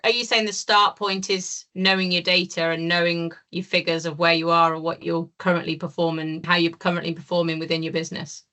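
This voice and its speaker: A woman hosting a podcast interview who asks polite, measured questions. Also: fairly low pitch, level tone, sharp tone. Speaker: podcast host.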